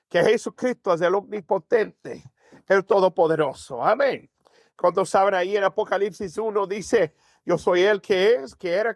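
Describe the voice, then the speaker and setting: A pastor preaches to his congregation in a fairly high, gravelly voice, posing rhetorical questions and answering them himself. The recording is dry and close, with little space around it and no echo.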